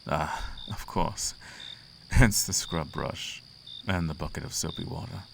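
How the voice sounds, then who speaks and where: Rumbling low and a little slow, with an exaggerated delivery, this man voices a flirtatious, commanding demon prince, silky and teasing in lofty formal language during an intimate roleplay monologue. He sounds curious and flirty, while clear outdoor crickets and other background noise fill in behind him.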